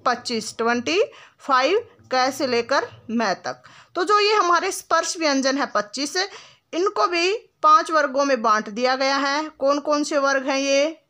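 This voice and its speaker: In a patient classroom manner, a high-voiced woman with a sharp tone teaches grammar, stretching sounds and examples out slowly. She keeps asking questions and answering them herself, often says "ठीक है", and calls the listener "बेटा" as she explains the lesson.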